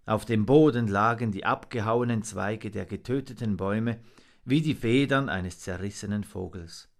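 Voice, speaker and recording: A man narrating a storybook in an expressive, measured reading. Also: lowish voice.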